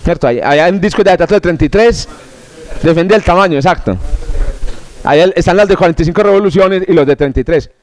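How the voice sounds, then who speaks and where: A man's voice: sits high, fast talker. A man teaching an astronomy course, running through quiz questions in a classroom with jokes, asides and stammered restarts. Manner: joking, digressive, with stammered restarts.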